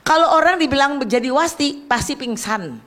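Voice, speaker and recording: A woman evangelist preaching a sermon, emphatic and lively, often asking her congregation to agree, dropping to a soft voice for prayers. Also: high-pitched, moderate pace. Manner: acts out prayers and quoted speech in a softer voice.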